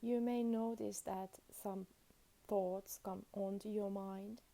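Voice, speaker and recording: With long silences between short, soothing lines, a female teacher leads a guided meditation. She has a warm, gravelly voice at medium pitch and keeps a steady tone.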